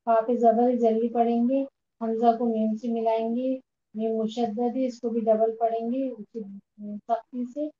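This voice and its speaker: Slow, careful woman student in an echoey room. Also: fairly high pitch, little pitch movement, highs cut off, a little hiss or hum. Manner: careful, methodical. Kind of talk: slow recitation and rule explanation.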